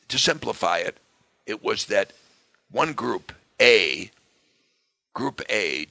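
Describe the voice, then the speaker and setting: A hoarse man speaking as a guest in a political interview, leaning hard on his key words. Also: lowish voice, bright, forceful tone, no echo. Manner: emphatic, punches key words.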